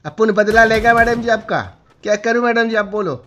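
In noisy shooter-game voice chat, a male streamer pranks a stranger with teasing, flirty playfulness. His high-pitched voice is pushed and bright, steady in tone, and fairly quick.

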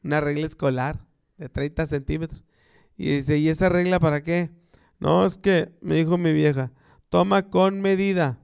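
Male host, high gravelly voice, unhurried chatty joke-telling, laughs at own gags. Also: fairly even intonation, darkish tone. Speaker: show host telling jokes. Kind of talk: casual live-stream joke telling.

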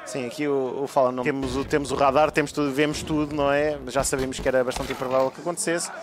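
A man's voice: medium pitch, fairly even intonation, fast talker. A man with a European Portuguese accent co-commentating an esports match, analysing the play in a conversational way. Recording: clear noise behind, game ambience.

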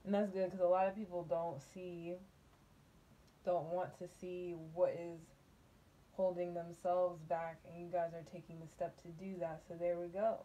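A woman giving a casual tarot reading, musing and unhurried, humming and laughing softly between thoughts, from a table in a small dim room. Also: lowish voice, flat delivery, a little hiss or hum. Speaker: tarot reader.

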